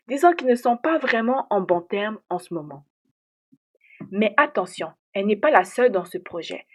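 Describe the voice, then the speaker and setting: A woman video essayist giving a scripted analysis of an animated series, in a slow, theatrical storytelling manner. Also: medium pitch, husky.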